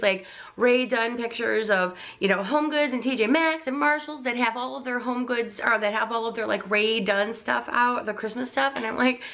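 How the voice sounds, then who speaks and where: A young woman speaks in a slightly high, pushed, bright voice, a bit crackly as she recovers from laryngitis. As a vlogger, she chats casually and gushingly about a shopping haul, often saying like and um.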